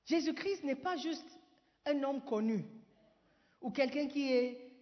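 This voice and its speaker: High-voiced preaching woman, echoing hall. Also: slow. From Ghana. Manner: switches between French and English, asks the congregation questions; rises to shouting declarations. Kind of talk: sermon. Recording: dull echoey hall sound.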